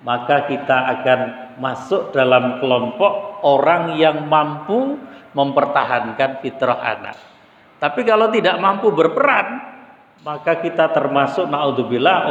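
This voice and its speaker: A man giving a relaxed, conversational sermon in a mosque, asking his listeners rhetorical questions. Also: medium pitch. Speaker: Islamic preacher. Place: mosque hall. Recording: echoey hall, dull lo-fi sound.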